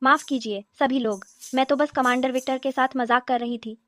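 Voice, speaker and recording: A brash young wife in a dubbed drama, bold and sharp-tongued. Her voice sits high, and the sound is dry and close. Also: steady tone, moderate pace, no room sound. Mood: teasing. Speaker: commander's wife in a 1970s army base drama.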